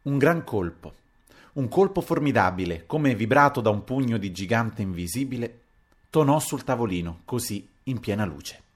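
A man reading a literary audiobook aloud in an expressive, dramatic storytelling manner. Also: medium pitch, normal speed. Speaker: audiobook reader.

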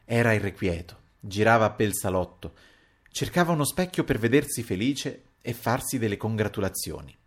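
A man narrating a classic novel as an audiobook, measured and expressive. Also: lowish voice.

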